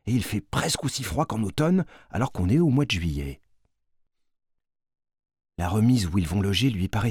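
A man narrating a storybook in an expressive, varied way with a husky voice. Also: lowish voice, no echo, studio quality.

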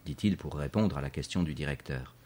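A man reading a children's story aloud in a measured, clear narration. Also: extremely low pitch, a little mellow.

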